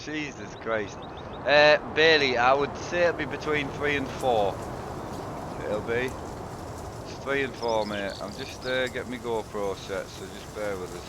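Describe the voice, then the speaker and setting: A man with a cold sounds tired as he chats casually with viewers on a live game stream, greeting them by name. His voice is mid-range and a little slow. Loud background noise fills the recording.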